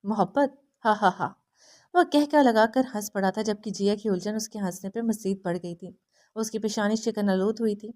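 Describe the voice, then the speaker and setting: Warm-voiced woman narrating a novel. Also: medium pitch. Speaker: audiobook narrator.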